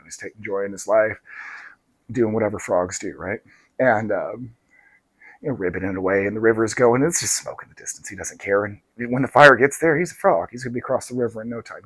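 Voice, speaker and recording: Husky man telling a spooky fable. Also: medium pitch, no echo. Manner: conversational, tag questions, addresses listeners as dark and lovely souls. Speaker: tarot reader and storyteller. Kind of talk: casual storytelling to followers.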